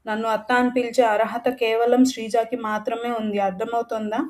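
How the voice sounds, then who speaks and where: A woman voicing a bitter, scheming middle-aged mother who scolds quickly and threatens. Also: on the high side, little pitch movement, lightly acted. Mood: angry.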